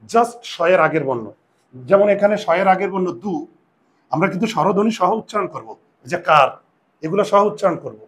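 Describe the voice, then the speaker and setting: Man teaching a class, somewhat high-pitched voice, repeats questions to students, spells words out slowly. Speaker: Bengali teacher. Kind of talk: classroom lesson.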